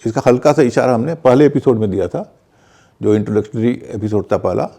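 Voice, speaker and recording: A man leads a pronunciation lesson in a methodical, explanatory way. He spells words out letter by letter and repeats each example. His voice is gravelly, with a dark, mellow tone. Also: mid-range voice, a little fast. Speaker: pronunciation teacher.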